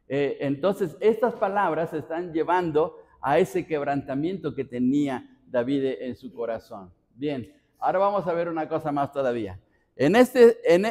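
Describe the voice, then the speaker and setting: A man's voice: high-pitched, a little mellow. A man with a Mexican accent preaching an expository Bible study, emphatic and repeating key words as he restarts phrases. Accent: Mexican Spanish. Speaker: pastor. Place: church sanctuary. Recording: long church hall reverb.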